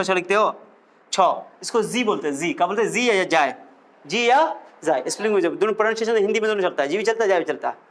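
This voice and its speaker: Male physics teacher, high-pitched, coaxing lecture delivery. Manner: lively, coaxing, quizzes students with questions. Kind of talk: classroom lecture.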